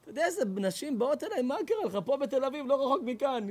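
High, lively rabbi telling stories. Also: male voice. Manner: lively, laughing, exclaiming storyteller. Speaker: rabbi giving a talk. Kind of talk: animated sermon storytelling.

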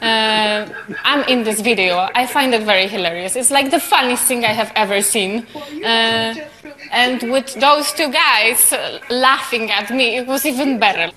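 A woman's voice: a little high, normal speed, a crowd in the background. A woman in her thirties from Poland with a Polish accent, a native Polish speaker giving casual interview answers. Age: 30s. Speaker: interviewee, fashion model.

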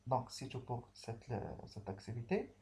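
A man giving a grammar lesson, explaining slowly step by step and spelling out word endings, with occasional hesitations. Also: mid-range voice, big pitch swings, warm tone. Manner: slow and deliberate, spelling out endings with fillers. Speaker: French teacher.

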